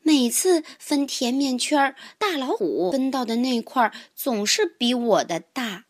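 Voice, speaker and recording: High, lively woman reading a storybook. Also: a little slow. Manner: expressive first-person narration with sighs.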